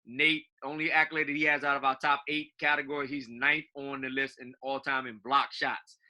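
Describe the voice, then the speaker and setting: A man's voice: medium pitch, little pitch movement, fairly quick, bright, forceful tone. A man co-hosting a casual chat as a basketball coach, easygoing, laughing often and restarting his phrases.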